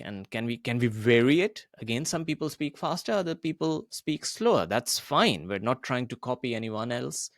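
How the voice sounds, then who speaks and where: A man coaching public speaking at a steady, deliberate pace. He pushes his voice higher and lower to demonstrate his points. His mid-range voice sits in a dry, close recording. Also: dry recording. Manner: deliberate, demonstrative, varies pitch and volume. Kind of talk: voice coaching lesson.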